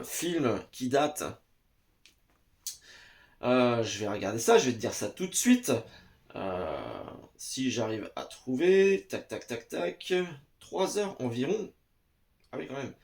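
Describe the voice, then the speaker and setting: Man, slow casual home vlogger, halting with fillers. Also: mid-range voice. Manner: hesitant, many "euh" fillers, addresses viewer as "tu". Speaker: vlogger reviewing VHS tapes. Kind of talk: casual chat to camera. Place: home basement. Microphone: camera in front.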